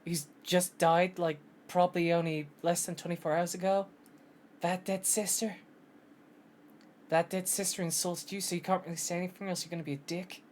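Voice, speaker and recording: A man's voice: sits high, level tone, normal speed, a little hiss or hum, pitched above the performer's own voice, natural voice. A man voicing the inner thoughts of a flustered young male defense lawyer in a game, stammering and rambling.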